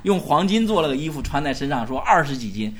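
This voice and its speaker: A male pastor preaching a sermon at a church gathering, animated, firing rhetorical questions and urging the congregation to answer loudly. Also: on the high side, fast.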